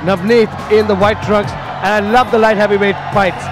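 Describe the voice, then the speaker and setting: A man calls a live fight in a high voice, as a play-by-play commentator. Music and a crowd are clearly heard behind him. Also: steady tone, normal speed, shouting, low-quality recording.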